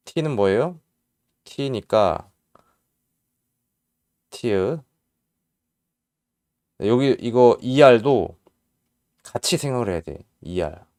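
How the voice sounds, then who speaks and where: A man teaching English spelling in Korean, slowly spelling out letters and repeating each sound patiently. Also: medium pitch, expressive, darkish tone, dry recording. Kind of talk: casual spelling lesson.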